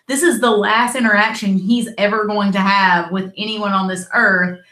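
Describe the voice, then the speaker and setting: A woman's voice: mid-range voice, fairly even intonation, pushed and bright. Earnest woman in an echoey room. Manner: earnest, halting, retells scenes. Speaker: co-host reviewing a TV episode. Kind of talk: casual chat.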